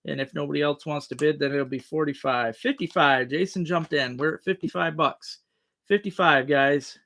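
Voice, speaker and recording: A man's voice: a little high, moderate pace, a bit bright. A man hosting a casual livestream auction, repeating the current bid in a folksy auctioneer's manner.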